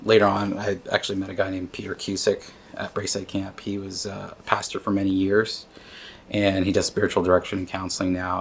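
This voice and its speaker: A man talking earnestly about his grief, halting and restarting often, in a personal reflective vlog. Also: low-pitched, creaky, a little hiss or hum. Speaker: vlogger sharing his grief story.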